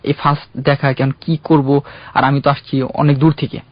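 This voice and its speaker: A man's voice: mid-range voice, flat delivery, moderate pace, no echo. Young man earnestly telling his story. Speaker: caller. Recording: dull, dry radio studio sound.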